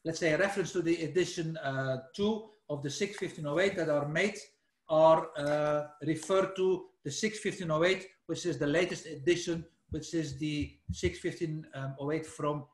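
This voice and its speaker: Here a Flemish-accented man from Belgium talks at a moderate pace in a slightly high, steady voice, with roomy acoustics. His technical webinar is loose and informal; he fixes his own wording and leans on "let's say" while sharing his screen, unseen.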